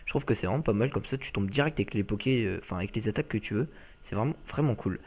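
A man's voice: on the low side, expressive, racing, darkish tone. A young man from France giving chatty, casual let's-play commentary, full of fillers and asides to viewers.

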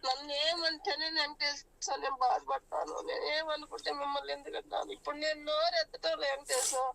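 A woman's voice: high voice, flat delivery, brisk, vocal fry. An older woman, a mother, speaks tearfully and soothingly to her son over the phone. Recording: noisy phone line.

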